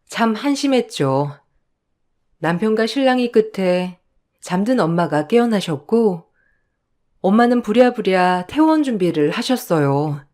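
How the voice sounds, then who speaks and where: A woman reading a first-person story aloud and voicing herself in emotional radio-drama scenes. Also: medium pitch. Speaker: narrator and heroine.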